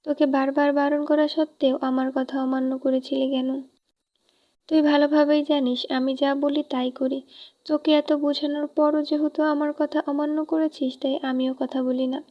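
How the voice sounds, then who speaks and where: A woman reading a storybook, voicing a curt, scolding young man in her own high voice. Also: level tone, moderate pace, close to an everyday voice. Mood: weary. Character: brusque stern young man, lover. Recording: dull lo-fi recording.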